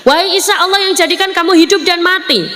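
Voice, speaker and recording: A woman's voice: very high-pitched, quick pace, bright, forceful tone, pitched above the performer's own voice. A woman preacher voicing the devil as a male tempter who coaxes and urges in a preachy way. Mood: coaxing. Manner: coaxing, preachy persuasion. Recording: echoey hall with faint noise.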